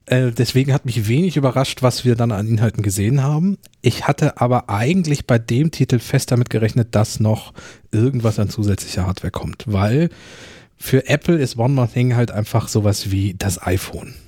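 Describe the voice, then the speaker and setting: A podcast host talks through a casual tech chat in a mellow, warm-toned voice. He is chatty and jokey, and he leads the talk. The sound is dry and close to the mic. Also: mid-range voice, normal speed, breathy edge, no room sound.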